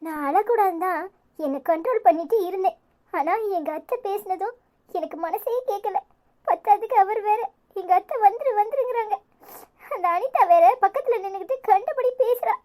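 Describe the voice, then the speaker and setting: A woman's voice: very high voice, normal speed. Woman voicing a tearful young wife, Tirunelveli accent. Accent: Tirunelveli Tamil. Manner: soft, tearful.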